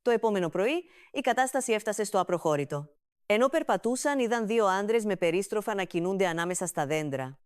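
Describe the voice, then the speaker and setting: A woman narrating a comic family story with an even, steady storytelling delivery, recorded close to the mic. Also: mid-range voice, clean tone, no room sound.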